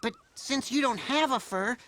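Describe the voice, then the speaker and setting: A woman's voice: high-pitched, moderate pace, a bit bright, a little hiss or hum. A woman voicing a sad, stubborn little furry creature boy who pleads and clings to his things, in a radio play. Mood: pleading.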